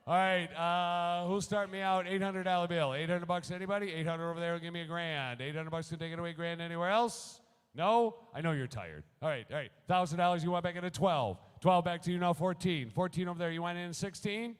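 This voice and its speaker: Brief: quick, joking man calling auction bids, slightly high voice, echoing through a big hall. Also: clean tone. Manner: rapid-fire bid calling, joking with bidders. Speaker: charity auctioneer. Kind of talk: fast auction chant. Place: large hall at a school gala. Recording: long hall reverb.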